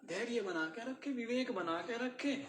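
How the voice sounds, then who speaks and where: High-voiced swami, echoey hall. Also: male voice, moderate pace, crowd noise. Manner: keeps quizzing listeners with short tag questions. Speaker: swami giving a spiritual discourse. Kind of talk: sermon with questions to listeners. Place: ashram hall. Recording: echoey room, faint hiss.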